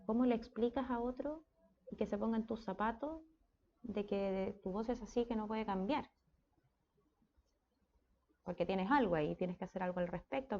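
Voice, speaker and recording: A woman's voice: fairly high pitch, mellow, muffled recording. A woman with a Chilean accent giving a casual speech therapy lecture, often checking in with her students. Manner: conversational, checks in with frequent "¿ya?".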